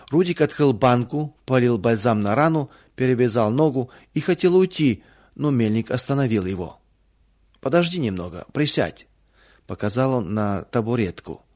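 Man gently reading a children's story. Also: on the low side. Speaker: narrator.

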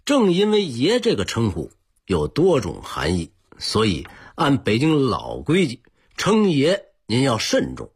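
A man's voice: mid-range voice, wildly swooping pitch, a little slow, breathy edge. A man presenting a scripted radio talk on old customs, in a chatty storytelling manner that speaks straight to the listener.

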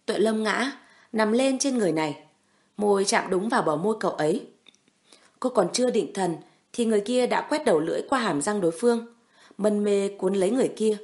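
A woman narrating a romance audiobook in a steady, expressive storytelling voice. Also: medium pitch.

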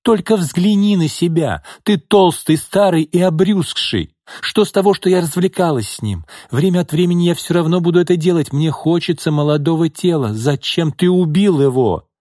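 A man's voice: animated, normal speed, hardly any pauses, dark tone, dry recording, clean studio sound. A man reading an audiobook, voicing a furious, scheming young woman who screams and mocks. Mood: shrieking. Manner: shrill, screaming, mocking.

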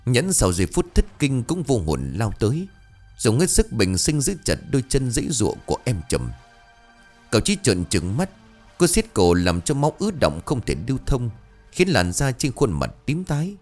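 A man narrating a ghost story with a dramatic, expressive reading. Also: mid-range voice, moderate pace, faint music behind.

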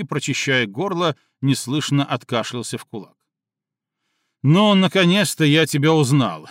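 A man narrating an audiobook in an even, measured reading. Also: medium pitch, no echo, studio quality. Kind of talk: scripted narration.

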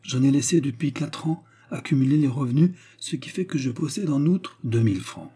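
Male reader playing a scheming young woman, husky, higher than his own voice, coaxing audiobook role. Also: lively intonation, brisk, dark tone. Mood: earnest. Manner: pleading then commanding, coquettish. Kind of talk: audiobook reading.

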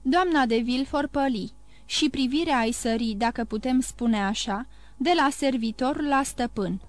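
Brief: female audiobook narrator, measured expressive reading, higher voice, dry close mic. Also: no echo. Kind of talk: scripted narration of a classic novel.

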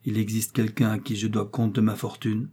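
A man reading an old novel aloud, voicing a brooding, jealous nobleman swinging between hushed calm and rage. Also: lowish voice, moderate pace, breathy edge. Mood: tense. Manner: tense, alternately hushed and enraged.

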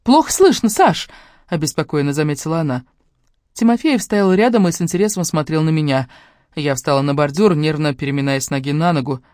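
A woman narrating a romance novel in the first person, with an expressive, emotional reading. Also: low voice, quick pace, no room sound, clean studio sound. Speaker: audiobook reader.

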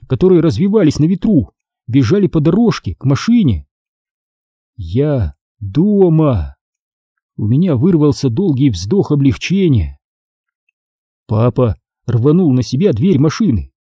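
A man reading an audiobook aloud in a dramatic, expressive storytelling manner. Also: medium pitch, slightly rough, no echo, studio quality. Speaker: audiobook reader.

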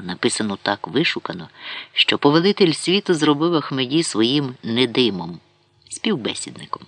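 A man reading a historical novel aloud as an audiobook narrator, in a measured storytelling manner. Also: mid-range voice, a bit bright, no room sound.

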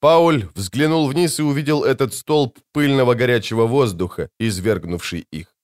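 A man reading a novel aloud as an audiobook narrator, in a measured, dramatic storytelling manner. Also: medium pitch. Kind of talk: scripted narration.

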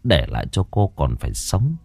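A man's voice: very deep voice, huge pitch swings, moderate pace, gravelly, breathy edge, no room sound. A man narrating a scripted audiobook in a solemn, dramatic storytelling manner. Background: soft background music.

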